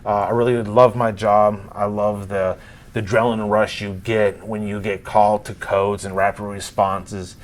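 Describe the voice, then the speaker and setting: A respiratory therapist describes his work in a casual workplace interview, speaking plainly with occasional fillers. His fairly low voice is flat in delivery and moves at normal speed.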